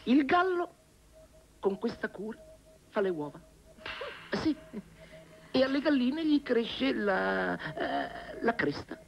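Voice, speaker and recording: Leopoldo, a chuckling old inventor. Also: male voice, very high voice, big pitch swings, slow, gravelly, pauses often, slight background noise, exaggerated voice. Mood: boastful chuckling. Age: older. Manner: chuckling, boastful. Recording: dull old film soundtrack.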